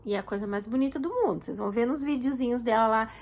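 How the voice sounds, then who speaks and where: A woman's voice: on the high side, very fast, a little mellow. A Brazilian woman in her thirties chatting casually to camera as a vlogger, repeating words for emphasis.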